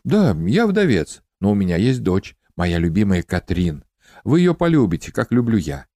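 A man's voice: lowish voice, big pitch swings, normal speed, no echo, studio quality. A man voicing a cheerful, hospitable widowed uncle with greying hair and a pleasant voice, in an audiobook. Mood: welcoming. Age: middle-aged. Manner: warm, welcoming, talkative.

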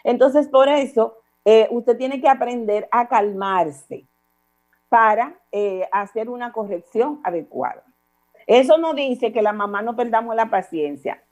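A middle-aged woman with a Dominican accent giving calm, instructive parenting advice as a guest on a talk show. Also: fairly high pitch, a little slow. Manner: calm, didactic, addresses listener formally with repeated examples.

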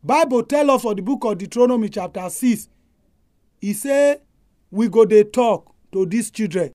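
A Nigerian man gives a pastor's talk in Nigerian Pidgin. His voice is soft-edged and mellow, recorded very dry with no room sound. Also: sits high, lively intonation, moderate pace, dry recording. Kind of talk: family-life sermon.

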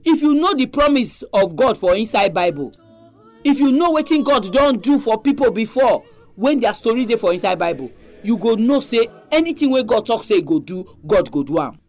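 A Nigerian man with a Nigerian Pidgin accent hosts a religious radio programme, his very high-pitched voice very animated at a moderate pace. He exhorts listeners in an emphatic, conversational preaching style.

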